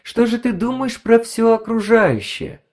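A man's voice: very high-pitched, lively intonation, measured pace, gravelly, a little mellow, pitched above the performer's own voice, full character voice. A man voicing a sly, insinuating talking device that whispers neighbourhood gossip in a story reading. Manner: insinuating, snickering.

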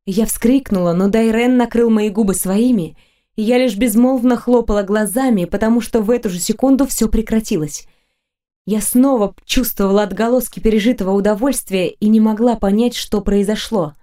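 A woman narrating a romantic fantasy audiobook in the first person, in a steady, intimate storytelling manner. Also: on the high side, normal speed.

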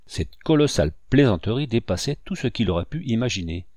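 A man reading a classic novel aloud as narrator, in a measured, steady way. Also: mid-range voice, no room sound, studio quality. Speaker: audiobook narrator. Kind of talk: scripted narration.

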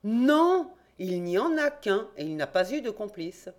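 A woman reading an audiobook, voicing an eager, confident young male reporter-detective in a raised, excited voice. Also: unhurried. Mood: triumphant. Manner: excited, emphatic, raised and higher voice.

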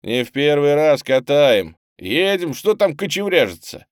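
A gruff boatswain barks back loudly but kindly, as a male audiobook reader puts him on. He is lively and raised, recorded dry. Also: fairly high pitch, unhurried, no room sound, voice pushed up. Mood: friendly gruff. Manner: friendly snapping.

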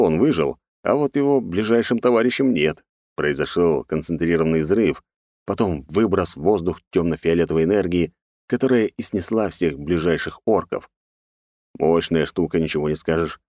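A man narrating a first-person fantasy audiobook in a sardonic, rough-edged, casually swearing manner. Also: low voice, darkish tone, dry recording, studio quality.

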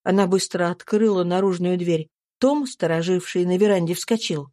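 A woman reading a classic novel aloud as an audiobook narrator, in a slow, solemn, deliberate way. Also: on the low side, mellow, no echo, clean studio sound. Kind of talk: scripted literary narration.

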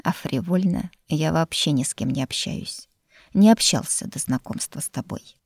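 A woman's voice: sits low, a little mellow, slightly rough, dry recording, clean studio sound. Woman voicing a mocking young lord. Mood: teasing. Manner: mocking, unhurried. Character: teasing, self-assured young male lord and teacher.

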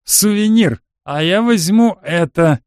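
Need: male narrator putting on a leering, mocking soldier thug, voice pushed higher, dry close sound. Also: lively intonation, slow, a little mellow, clean tone, no room sound. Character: brutal sneering male American soldier, bully.

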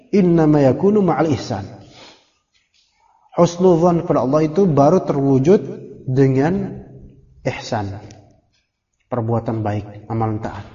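A man's voice: medium pitch, dark tone. A man teaching a religious study class in a casual, joking, conversational way, mixing in Arabic terms. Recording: dull lo-fi recording with long hall reverb.

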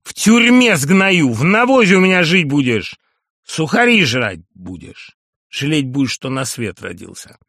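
A man reading an audiobook and voicing a furious, bullying middle-aged boss who shouts threats at his underling. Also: medium pitch, animated, normal speed, dry recording, studio quality. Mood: raging. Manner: shouting threats, then grimly quiet.

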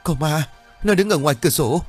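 A man's voice: moderate pace, breathy edge, soft background music, close to an everyday voice. A man voicing a terrified wealthy landowner in an audiobook ghost story, crying out in panic. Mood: panicked. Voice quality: shrill panicked shouting.

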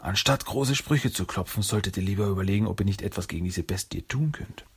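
A man voicing a wise old male rat master in a storybook reading, calm and admonishing. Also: deep voice, brisk, slightly rough, full character voice. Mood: stern.

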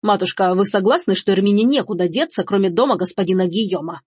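A curt noble father who snaps orders in short phrases, read by a woman. The voice is husky and close. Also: medium pitch, quick pace, a little mellow, dry recording, lightly acted. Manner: curt, commanding. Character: stern noble father, impatient and commanding.

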